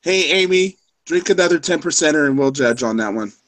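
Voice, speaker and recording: A man's voice: on the high side, expressive, brisk, fairly bright tone. A man who is a podcast regular, chatting casually and teasing the others. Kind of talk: casual chat.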